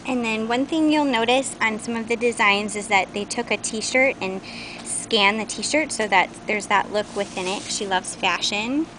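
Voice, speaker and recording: A woman whose voice is on the high side hosts a casual, informal tour of new craft store products, speaking at a measured pace. She records in big warehouse aisles on a handheld camera's built-in mic, and the background is noisy.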